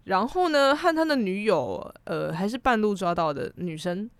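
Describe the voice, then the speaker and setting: A woman's voice: medium pitch, very animated, normal speed, dry recording. A young adult woman with a Taiwanese Mandarin accent, co-hosting a podcast in casual chat. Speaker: podcast co-host. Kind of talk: casual chat about anime and pop culture.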